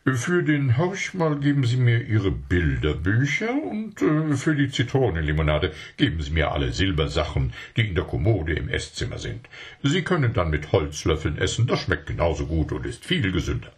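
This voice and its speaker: Ein Mann spricht einen schlauen, überredenden Verkäufer in einer Kindergeschichte, der eifrig um Geschäfte feilscht. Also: male voice, low voice, big pitch swings. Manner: wheedling, fast bargaining talk. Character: smooth-talking male salesman, scheming, persuasive.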